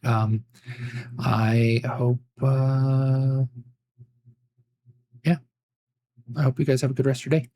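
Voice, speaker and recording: Gravelly-voiced male streamer, voice fading. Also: mid-range voice, takes it slowly, long pauses. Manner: relaxed, rambling, lots of fillers. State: losing his voice. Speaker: livestreamer. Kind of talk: casual stream sign-off chat.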